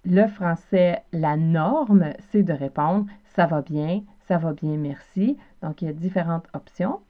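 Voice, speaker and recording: A woman from the south shore of Montreal with a Québécois accent, hosting a podcast lesson with clear, deliberate delivery and repeated example phrases. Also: lowish voice, narrow, tinny audio. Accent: Québécois French. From Quebec, south shore of Montreal. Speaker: podcast host and French teacher.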